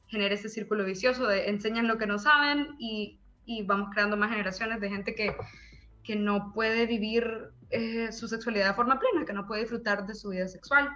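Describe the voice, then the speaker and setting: A woman from El Salvador with a Salvadoran Spanish accent, speaking as a panelist on an online panel, lively and full of fillers. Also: medium pitch, highs cut off. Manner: warm, lively, laughs often, many fillers. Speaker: panelist, media co-founder. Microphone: video call.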